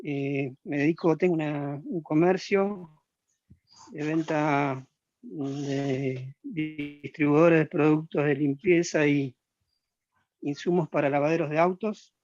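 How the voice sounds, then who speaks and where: Slow, higher-voiced man. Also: fairly even intonation, darkish tone, dry recording, lo-fi sound. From Argentina. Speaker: student. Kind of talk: class self-introduction.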